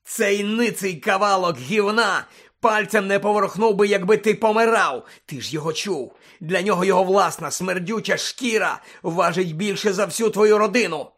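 A man reading an audiobook, voicing a vengeful male wizard who roars and rasps with contempt. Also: mid-range voice, measured pace, sharp tone. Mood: furious. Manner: roaring, hoarse, contemptuous. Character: furious vengeful male wizard, roaring and hoarse.

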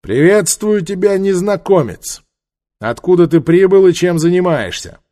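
A man's voice: medium pitch, a little slow, darkish tone. A male narrator voicing a cruel, domineering pharaoh warlord who barks orders and threats. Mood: lordly. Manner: barking, commanding.

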